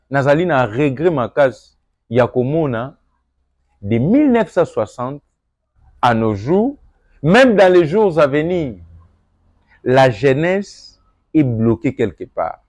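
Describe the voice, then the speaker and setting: A young Congolese man with a Congolese French accent giving an earnest address to viewers, moving between calm reflection and emphatic appeals. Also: on the high side, takes it slowly, pauses often, no echo, studio quality. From Democratic Republic of the Congo. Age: young adult. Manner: earnest, rising to emphatic, mixes French and Lingala. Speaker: political commentator.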